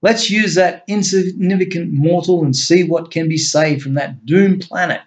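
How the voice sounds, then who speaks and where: A man voicing an immortal male king who makes his case in a measured, persuasive way. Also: on the high side, steady tone, lightly acted.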